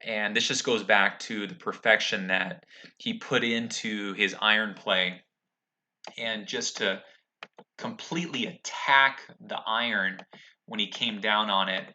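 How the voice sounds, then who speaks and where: A man hosting an unscripted talk about golf, with halting, reflective phrasing. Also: lowish voice, steady tone, bright, forceful tone, slight background noise. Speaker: host of a golf commentary show.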